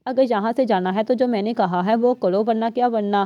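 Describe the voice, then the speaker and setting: A ruthless male crime boss from a storybook, mocking and coldly sure of himself, read by a woman. The voice sits fairly high and sounds warm and mellow. It is a dull, slightly lo-fi recording with a dry, close sound. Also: no echo, close to an everyday voice. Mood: mocking menace. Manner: mocking, coldly self-assured.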